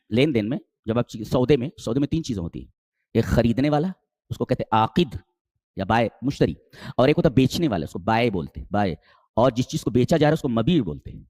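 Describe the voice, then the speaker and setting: A man preaching a sermon in with Quranic exegesis, asking rhetorical questions and climbing to emphatic high peaks before dropping low. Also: lively intonation, darkish tone, no room sound, clean studio sound. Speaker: Islamic preacher.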